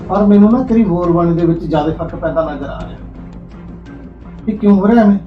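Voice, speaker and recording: An actor playing a worried older village father who pleads gently with his daughter, speaking Punjabi with a local accent. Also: high-pitched, fairly quick, dull audio, lightly acted. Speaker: father-in-law, father of the bride. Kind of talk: short film drama acting. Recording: roomy sound with soft music behind.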